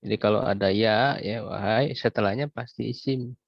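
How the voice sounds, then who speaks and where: Low, gravelly man teaching a patient online grammar class; dull, dry call audio. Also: normal speed, no room sound. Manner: patient, explanatory, clears throat often.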